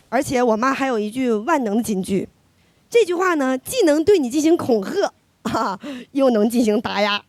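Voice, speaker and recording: High, lively woman doing stand-up. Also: unhurried, pauses often, no room sound. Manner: chatty, teasing, punchline-driven delivery. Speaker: stand-up comedian. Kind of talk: stand-up comedy set. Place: stage before a live audience. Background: audience laughter.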